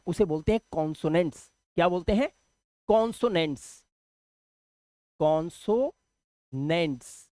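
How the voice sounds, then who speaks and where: A man's voice: sits high, darkish tone, dry recording. Man teaching English, dry close sound. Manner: repeats key words as questions to the viewer. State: slightly sore throat. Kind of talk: classroom explanation.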